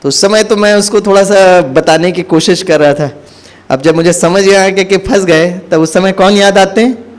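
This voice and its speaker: A man giving a spiritual talk to an audience, telling a story in a lively way and acting out the dialogue. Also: high-pitched, moderate pace. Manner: animated, acts out dialogue. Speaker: spiritual speaker.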